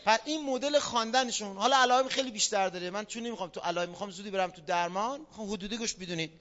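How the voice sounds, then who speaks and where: Man, teacher, classroom lecture, asks the listeners questions, bright tense voice, muffled lo-fi sound. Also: high voice. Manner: quizzes listeners, spells out examples. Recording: dull lo-fi sound.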